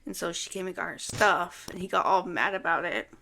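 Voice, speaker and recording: A woman's voice: on the low side, fairly quick, gravelly, pushed and bright, slight background noise. A woman giving rambling, hesitant roleplay testimony, full of fillers and restarts.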